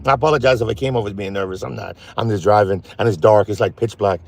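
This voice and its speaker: A man hosting a casual phone livestream while driving at night, rambling and halting as he talks to his chat. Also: lowish voice, creaky. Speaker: live stream host. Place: in a car at night.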